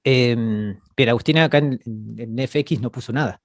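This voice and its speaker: A man's voice: medium pitch, moderate pace, no room sound, clean studio sound. A man teaching an online class over a video call, explaining patiently and often repeating words as he goes.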